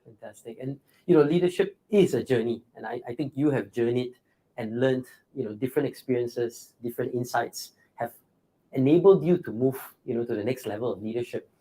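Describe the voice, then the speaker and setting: An encouraging male host leads a live leadership interview at a mid pitch. He affirms his guest's points warmly and reads viewer comments aloud, with plenty of fillers. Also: a little fast, poor audio.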